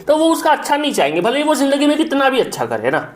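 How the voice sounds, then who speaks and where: A man's voice: extremely high pitch, wildly swooping pitch, rapid-fire. A man teaching English vocabulary for exam prep. He keeps repeating himself and checking in with the viewer in a friendly, coaxing way. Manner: repetitive and coaxing, keeps saying "my brother" and "isn't it".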